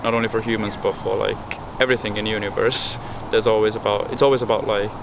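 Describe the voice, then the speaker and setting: A man's voice: fairly low pitch, flat delivery, quick pace, vocal fry. A young man from Estonia giving thoughtful, rambling answers in an interview, full of fillers and restarts. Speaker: research interviewee. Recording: loud background noise, urban outdoor hum.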